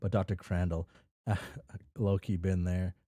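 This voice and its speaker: In a low, level, mellow voice, a man slowly reads a fan fiction aloud and reacts to it with off-the-cuff remarks. He stumbles over and repeats words and swears freely, and the recording is dry.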